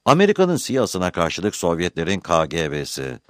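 A man narrating a scripted history documentary in a measured storytelling delivery with dramatic emphasis. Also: low-pitched, wildly swooping pitch, fairly bright tone, dry recording, clean studio sound.

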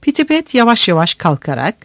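An expressive audiobook narrator reading with dramatic flair, the pitch rising and falling in wide, lively sweeps. The voice is recorded close and dry, without room echo. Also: fairly quick.

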